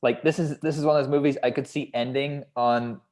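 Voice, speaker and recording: A slightly fast, somewhat mellow man of medium pitch talks through his notes on a script during a table read feedback session. His intonation stays fairly even as he hedges conversationally, like a consultant.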